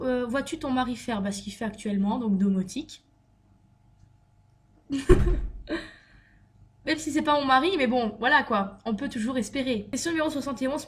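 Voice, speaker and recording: A young woman from France chatting through a vlog question list, with many fillers and restarts. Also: high voice. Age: young adult. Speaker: beauty vlogger. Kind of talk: casual Q&A tag vlog.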